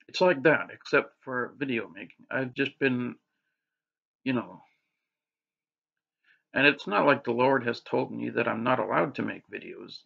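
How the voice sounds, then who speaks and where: Man, casual faith vlog, rambling, husky, gravelly, muffled lo-fi audio. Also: mid-range voice. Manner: rambling, with restarts and filler words. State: hiccups. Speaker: vlogger. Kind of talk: casual religious monologue to camera. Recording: dull lo-fi audio.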